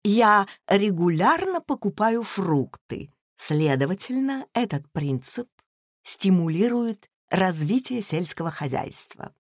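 A woman voicing a prim, calm governess in a read-aloud story, speaking in a measured, dry manner. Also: medium pitch, dry recording. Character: prim, unflappable governess woman, cool and precise.

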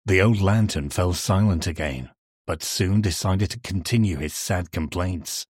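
A man narrating a storybook gently and evenly, with a husky voice. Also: deep voice, measured pace, dry recording, clean studio sound.

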